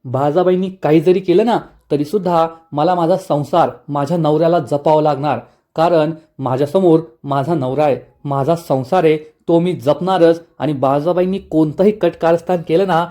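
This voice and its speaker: A woman's voice: sits low, normal speed, warm tone, natural voice. A man voicing a young village wife, hurt but determined, who speaks earnestly and pleadingly.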